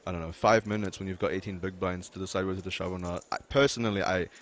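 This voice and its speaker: A man's voice: low voice, steady tone, fast, slight background noise. A man giving expert poker commentary, hedging his points with lots of fillers and restarts. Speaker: poker analyst.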